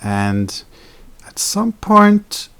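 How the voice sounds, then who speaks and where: A man's voice: high-pitched, big pitch swings, extremely slow, creaky, fairly bright tone, clear, resonant tone. A young man chatting casually in a daily vlog, rambling with fillers and self-corrections. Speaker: video blogger.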